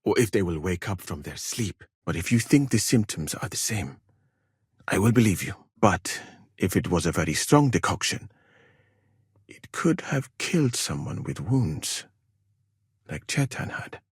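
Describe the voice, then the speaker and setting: Learned malian court doctor in a medieval game, low raspy voice, dignified n polite. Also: male voice, no echo, studio quality, full character voice. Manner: formal, measured, dignified, courteous. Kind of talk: video game character dialogue.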